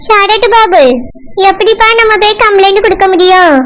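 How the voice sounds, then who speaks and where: A woman voicing a worried middle-aged village mother in a cartoon, reasoning softly in a Tirunelveli Tamil accent. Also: very high voice, fairly even intonation, normal speed. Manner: soothing, reasoning. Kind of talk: cartoon voice acting.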